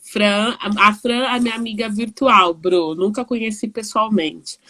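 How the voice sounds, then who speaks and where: A woman in her forties from São Paulo with a São Paulo Brazilian Portuguese accent, chatting warmly as host of a live video call, with frequent restarts. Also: mid-range voice, fairly even intonation, unhurried. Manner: chatty, warm, laughing often, many restarts. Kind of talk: casual video call chat.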